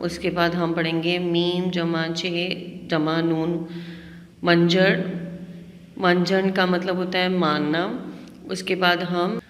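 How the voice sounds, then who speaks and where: A woman teacher giving a slow, patient classroom lesson, spelling out words letter by letter. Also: on the low side, flat delivery. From Pakistan. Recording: echoey room with long reverb.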